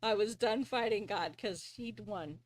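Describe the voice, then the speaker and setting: A woman's voice: medium pitch, a little slow, no echo. A woman hosting a live stream, earnestly telling a personal story, often chuckling and restarting her sentences.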